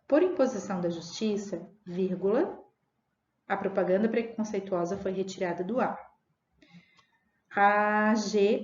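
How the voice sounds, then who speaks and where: A woman teaching a recorded Portuguese grammar lesson. She reads example sentences out slowly, corrects herself, and keeps checking in with her students. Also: mid-range voice, darkish tone. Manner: dictates punctuation slowly, self-corrects, checks in with "tá?". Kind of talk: classroom video lesson. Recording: echoey room, dull lo-fi sound.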